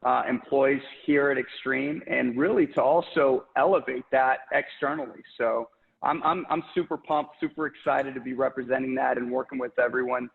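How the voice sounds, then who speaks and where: A Puerto Rican man in his thirties, a regional sales director, talks enthusiastically about his career in an upbeat work interview over video call from his home office, using lots of fillers. His mid-range voice has vocal fry and fairly even intonation at a normal speed. The call audio is tinny and echoey.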